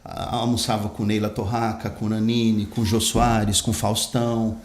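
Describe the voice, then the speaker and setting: A man's voice: lowish voice, flat delivery, normal speed, reverberant. A man, an actor and pastor telling his life story in an emphatic, earnest way as a podcast guest. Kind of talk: personal storytelling in an interview.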